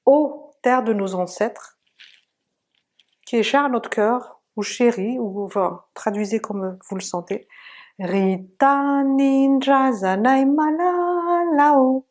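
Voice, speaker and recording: Woman, pronunciation teacher, slow unhurried delivery, patient, repeats each sound. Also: mid-range voice, a little mellow. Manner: patient, drills sounds slowly and repeats examples. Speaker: language teacher. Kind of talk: pronunciation lesson.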